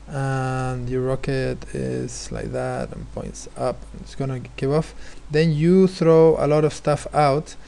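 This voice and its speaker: A man's voice: medium pitch, fairly even intonation, slow pace, creaky, hardly any pauses, dark tone, a little hiss or hum. A male teacher explaining physics exam questions, hesitant, with many fillers and restarts. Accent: non-American, his remark says so.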